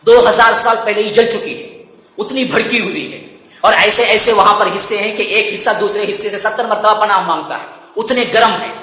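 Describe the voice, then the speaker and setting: High-voiced preacher man in an echoey hall. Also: fairly quick. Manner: recites Arabic verses in a loud chant, then explains conversationally. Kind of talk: sermon.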